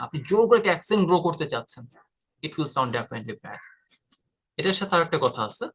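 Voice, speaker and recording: Here a Bangladeshi IELTS tutor, his voice on the high side and slightly bright, explains exam material in a loose, informal way. He keeps it direct and calls his viewer "brother."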